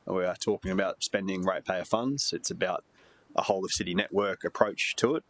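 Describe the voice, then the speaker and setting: An Australian man speaking as a councillor in a committee meeting, making measured points to the chair. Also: low voice, a bit bright.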